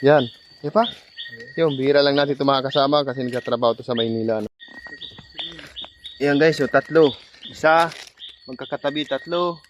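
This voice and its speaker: A man vlogging outdoors at night among trees, excitedly pointing out finds and directing a companion. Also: mid-range voice, a little fast, pauses often, a little hiss or hum. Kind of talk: casual outdoor vlog narration.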